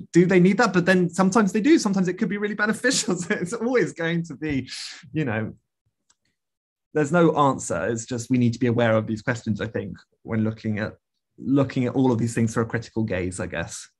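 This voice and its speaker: A man, a guest artist, answering questions on a video call, thoughtful and full of fillers and restarts. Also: medium pitch. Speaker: guest speaker, media artist. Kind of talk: casual talk and Q&A.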